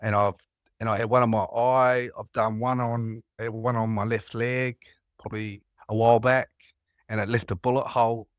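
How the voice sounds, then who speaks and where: A man's voice: mid-range voice, level tone, normal speed, clear, resonant tone, no room sound. A man from New Zealand with a New Zealand accent, calling in and telling rambling stories in a casual chat. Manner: rambling, anecdotal storytelling with laughs. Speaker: caller.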